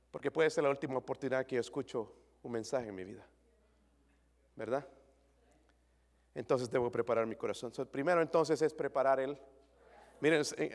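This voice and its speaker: A man preaching a sermon to his congregation, swinging from loud pleading to quiet confiding, with jokes and questions to the listeners. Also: a little high, long reverb tail. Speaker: pastor.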